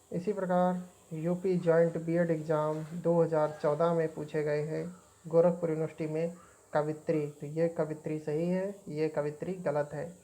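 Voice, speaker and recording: A woman's voice: low-pitched, dark tone, low-quality recording. A woman teaching an exam-prep grammar lesson, going through words one by one and saying which spelling is right and which is wrong. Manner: methodical, repeating each word as right or wrong.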